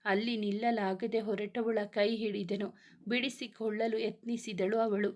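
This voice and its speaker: A woman narrating a romance story in a steady, expressive reading. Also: medium pitch, unhurried, dull audio.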